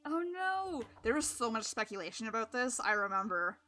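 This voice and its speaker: A woman's voice: medium pitch, fast, bright, forceful tone. A woman streamer giving chatty, rambling commentary during a live stream, laughing often.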